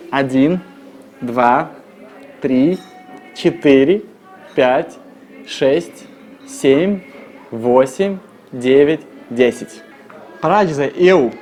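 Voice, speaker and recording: A man with a Russian accent, a native Russian speaker, teaching tourist phrases in a joking, casual way and repeating each word slowly. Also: medium pitch, darkish tone. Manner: joking, slow repeated model words. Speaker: language guide.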